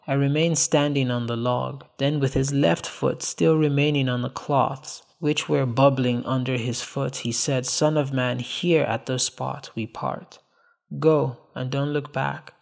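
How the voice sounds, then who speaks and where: A man narrating a church history in the first person, reading in a measured, solemn way. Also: mid-range voice, gravelly.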